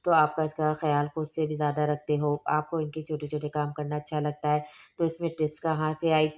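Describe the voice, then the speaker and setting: Shy polite young wife, woman reading her, low flat tone. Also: fairly quick, natural voice. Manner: hesitant, polite.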